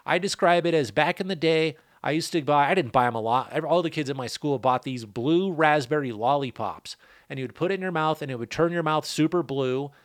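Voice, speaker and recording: A man's voice: a little high, fairly quick, dry recording, studio quality. A middle-aged man hosting a podcast in a casual, rambling chat, full of loose asides and jokes. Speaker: podcast host, cannabis grower.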